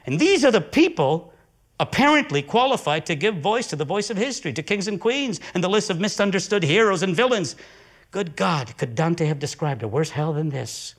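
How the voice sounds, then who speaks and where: A man performing an intense, profane theatrical monologue with dramatic swings of pitch and volume. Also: lively intonation, normal speed. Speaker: solo stage performer.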